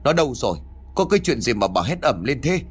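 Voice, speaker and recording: A man's voice: medium pitch, big pitch swings, fast talker, slightly rough, soft background music, voice pushed up. A man voicing an anxious, grumbling old village father in a raised voice. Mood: alarmed.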